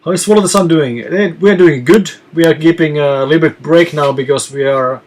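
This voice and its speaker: A man from Finland who reads out viewer questions and answers them in a relaxed live chat as a touring musician. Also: on the high side, brisk.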